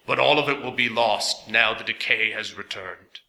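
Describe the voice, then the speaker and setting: A man voicing a small talking sweeper machine that speaks in a grinding, metallic voice with slow, grave warnings. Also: fairly low pitch, gravelly, sharp tone, roomy sound, full character voice. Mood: solemn. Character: strange talking machine sweeper, solemn and ominous.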